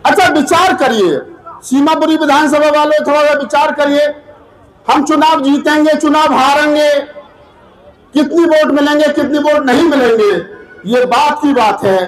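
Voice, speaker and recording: Man, political rally speech, fiery shouting, very high-pitched, echoing stage mic. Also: fairly even intonation, normal speed, some chatter behind. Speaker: political speaker. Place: public political gathering.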